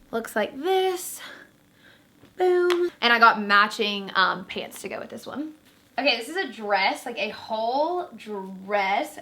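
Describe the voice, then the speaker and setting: A woman's voice: fairly high pitch, a bit bright. Chatty young woman rambling through a clothes haul, kinda breathless, echoey room, sounds a bit far from the mic. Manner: bubbly, chatty, lots of fillers. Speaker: vlogger. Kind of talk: casual unboxing chat. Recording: roomy, from away from the mic.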